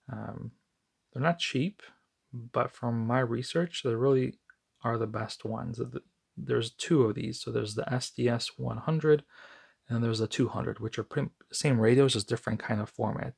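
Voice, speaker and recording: Here an American man with a husky, gravelly voice of medium pitch and a little mellowness gives a casual product review. It's unscripted, conversational, and somewhat halting.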